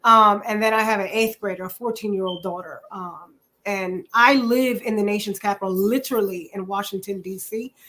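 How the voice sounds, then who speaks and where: A woman's voice: mid-range voice, fairly even intonation, moderate pace, a bit bright, a little hiss or hum. A chatty woman in her forties, from New Jersey, talks in a casual interview. She fills her talk with ums and says "literally" often. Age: 40s. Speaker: guest. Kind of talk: casual interview self-introduction.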